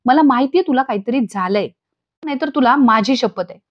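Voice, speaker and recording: A woman voicing a young wife, a gentle but insistent sister, speaking in a pleading, firm way. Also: high-pitched, fairly quick. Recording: dull lo-fi recording.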